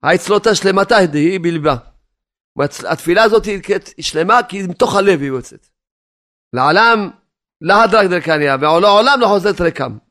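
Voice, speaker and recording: A man with a notably high voice gives a religious lesson. He reads in a chanting cadence, translating old text phrase by phrase and checking in with listeners as he goes. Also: lively intonation, bright, forceful tone. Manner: chanting cadence, translating Aramaic text line by line with frequent "right?" asides. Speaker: rabbi teaching Zohar. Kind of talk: Torah lesson sermon.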